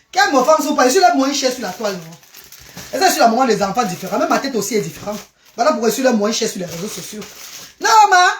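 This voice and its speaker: A woman chatting in a casual live stream, animated and exclamatory, jumping from one topic to the next. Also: high voice. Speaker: social media live streamer. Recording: roomy echo.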